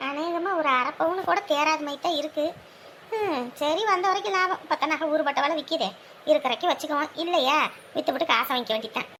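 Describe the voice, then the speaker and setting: An actress playing a sharp-tongued, gossiping older woman, taunting and sarcastic. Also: high voice, fast, slight background noise. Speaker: mocking older relative. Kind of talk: village family drama acting.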